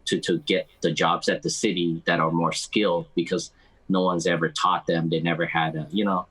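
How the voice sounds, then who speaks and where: Deep-voiced man. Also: flat delivery, a bit bright, husky, rough recording. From United States, Cambodian American community. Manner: halting, often repeats words as he goes. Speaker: podcast guest. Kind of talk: casual interview chat, mixing Khmer and English.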